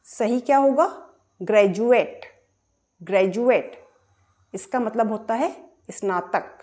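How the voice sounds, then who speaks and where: A woman's voice: on the high side, normal speed, darkish tone. A woman teaching English pronunciation, spelling words out letter by letter and asking and answering her own questions. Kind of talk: explaining pronunciation rules.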